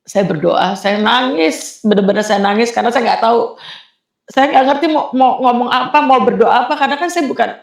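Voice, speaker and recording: A woman giving an earnest personal faith testimony as a guest. She talks in an animated way and often repeats herself. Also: fairly high pitch, brisk, creaky, reverberant.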